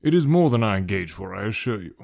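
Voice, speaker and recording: A man voicing a dry, teasing middle-aged English husband in an audiobook, with a deadpan manner. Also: lowish voice, quick pace, gravelly. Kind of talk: audiobook character voice.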